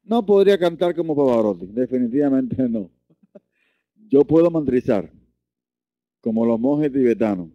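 A man's voice: lively intonation, normal speed, long pauses, no echo, highs cut off. A man teaching a Reiki lesson, earnest, often repeating and restarting his words. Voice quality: deep voice. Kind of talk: online lesson.

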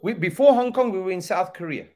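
Speaking fast in a high-pitched, slightly mellow voice, this middle-aged man from Zambia preaches with passion on a webcam video call. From an indoor room, he repeats phrases and throws out rhetorical questions with a preacher's emphasis.

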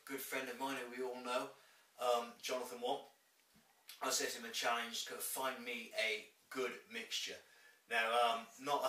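Reviewing pipe tobacco in a rambly, talkative home video, this man keeps restarting his sentences. He has a mid-range, sharp-toned voice, picked up by a distant mic in an echoey room.

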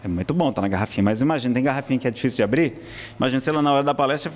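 A man's voice: mid-range voice, racing. A man with a Brazilian Portuguese accent teaching a public speaking class in a lecture hall, in a conversational style full of tag questions and self-corrections.

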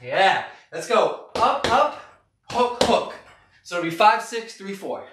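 A middle-aged man with a fairly high voice leads a boxing class while hitting a punching bag. He calls short, punchy, encouraging cues. He is far from the microphone in an echoey space with very loud noise. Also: big pitch swings, slow pace. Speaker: boxing fitness coach. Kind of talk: live workout instruction. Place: garage gym, indoors, camera several metres away. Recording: echoey noisy garage, far from mic.

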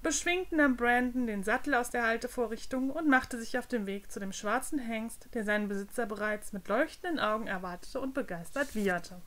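A woman author reading her fairy-tale novella aloud with clear, even storytelling. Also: fairly high pitch, fairly quick, hardly any pauses.

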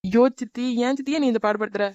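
Woman playing a jealous sharp-tongued cartoon girl, rapid-fire scolding, dull lo-fi dry sound. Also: on the high side, no room sound, close to an everyday voice. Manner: scolding, sarcastic. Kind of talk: animated cartoon dub.

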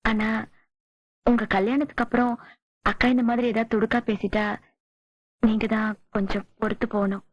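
An actress playing a gentle young woman about to be married, in a film scene. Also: a little high, little pitch movement, normal speed, long pauses, dry recording, highs cut off, close to an everyday voice. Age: young adult. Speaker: bride-to-be. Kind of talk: 1990s Tamil film acting.

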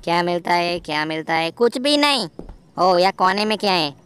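A man voicing an excitable, jokey young male game hero in a playful gameplay voiceover, full of exclamations. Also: sits high, normal speed, smooth. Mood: chatty. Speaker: gameplay commentator voicing a character.

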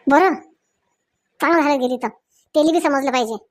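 A woman playing a nagging middle-aged mother-in-law in a comedy sketch, sharp and scolding, with a Varhadi Marathi accent. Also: high voice, brisk, no echo, clean studio sound, natural voice.

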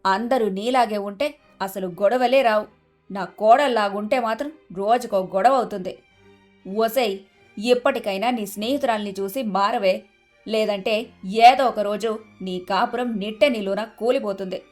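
A woman voicing a sharp-tongued middle-aged mother-in-law in an animated story, scolding and blunt. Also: medium pitch, moderate pace, faint music behind, natural voice.

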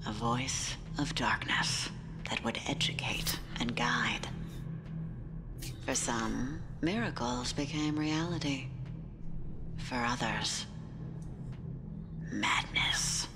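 A woman's voice: extremely low pitch, takes it slowly, long pauses, heavily acted. An actress giving whispered scripted narration as an ominous woman narrator in a game cutscene. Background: game music.

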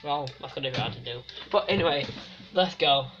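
A young man narrating his football career-mode game, excitable and swearing at the action as it happens. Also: medium pitch, a little fast, faint music behind. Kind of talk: casual gameplay commentary. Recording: dull lo-fi with faint hiss.

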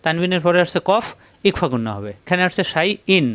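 A patient man giving a Quran reading lesson with a smooth, clear, rather high voice. He spells each word out syllable by syllable and then recites it slowly. The sound is close and dry. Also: lively intonation, a bit bright, no echo. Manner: patient, repeatedly tells listeners to pay attention. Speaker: Quran teacher.

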